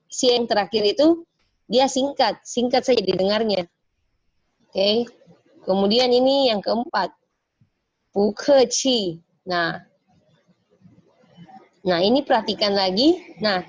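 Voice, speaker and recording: A woman gives an online language lesson over a video call. She explains patiently, step by step, and says example words slowly so her students can repeat them. The audio is dry and slightly dull, like a lo-fi call. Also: mid-range voice, no echo. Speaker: Mandarin teacher.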